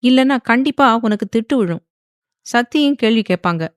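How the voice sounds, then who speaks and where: A woman's voice: a little high, lively intonation, moderate pace, clean tone, no room sound, studio quality, close to an everyday voice. A woman voicing a patient middle-aged mother who firmly lectures her daughter. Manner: firm, lecturing.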